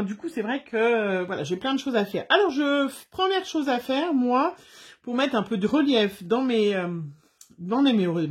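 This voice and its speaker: Chatty French crafting vlogger woman. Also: on the high side. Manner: chatty, many fillers and restarts. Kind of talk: casual chatty crafting tutorial.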